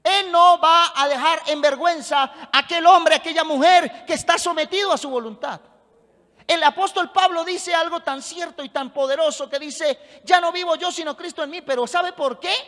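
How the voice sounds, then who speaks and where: A man's voice: very high-pitched, moderate pace, pushed and bright, long reverb tail. A man preaching a sermon as pastor, emphatic and rousing, calling on the congregation to answer back.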